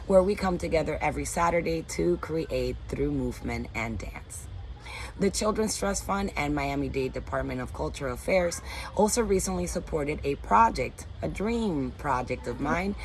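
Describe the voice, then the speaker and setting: Speaking to a phone camera under a canopy in her backyard, a Dominican woman in her forties talks earnestly and upbeat about her work as a teaching artist. Her voice is low-pitched, and the rough recording carries slight background noise.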